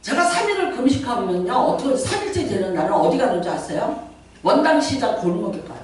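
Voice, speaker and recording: A woman's voice: a little high, very animated, brisk, a little hiss or hum. Korean woman pastor preaching in an echoey hall. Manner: conversational storytelling with playful asides and acted-out quotes. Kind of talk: sermon. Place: church sanctuary. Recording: very echoey hall, mic far off.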